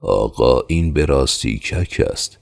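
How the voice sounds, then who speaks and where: A man voicing a slow-spoken, calm and wary male peasant who answers his overseer dryly. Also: rumbling low, creaky, full character voice. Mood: guarded. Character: calm, stubborn male peasant, guarded and dry.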